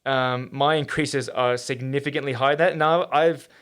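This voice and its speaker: A man hosting a podcast, chatting casually and quickly with plenty of fillers and restarts. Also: medium pitch, clear, resonant tone. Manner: fast, animated, lots of fillers and restarts. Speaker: podcast host and trainer.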